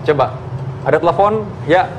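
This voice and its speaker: A man's voice: fairly high pitch, normal speed, muffled recording, background noise. A man co-hosting a health show, asking an expert chatty, conversational questions.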